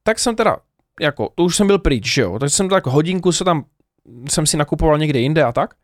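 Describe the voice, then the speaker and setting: Man vlogger, fairly high voice, chatty and halting storytelling, dry close sound. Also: no room sound. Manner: animated, lots of hesitations and laughs, addresses the viewers directly. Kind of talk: casual storytelling to camera.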